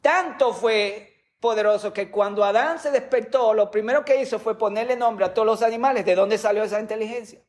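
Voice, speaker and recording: A man's voice: high-pitched, brisk. A man preaching a sermon as a pastor, teaching with rhetorical questions and sometimes repeating words as he goes.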